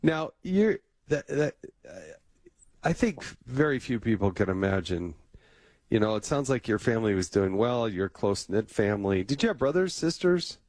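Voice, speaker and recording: A man's voice: on the low side, sing-song, normal speed, a little mellow, no echo. A man hosting an interview, talking in a friendly conversational way and often restarting his phrases. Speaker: interview host.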